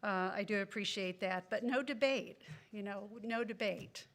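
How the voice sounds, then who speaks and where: A woman's voice: mid-range voice, normal speed, fairly bright tone. A woman giving public comment at a city council meeting, indignant and earnest, speaking into a podium microphone. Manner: indignant, earnest, apologetic asides.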